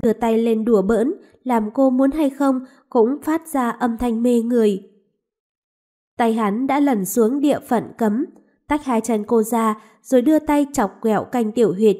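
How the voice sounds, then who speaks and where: Woman narrating a story, fairly high voice. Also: a little slow, warm tone. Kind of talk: audiobook narration of a romance story.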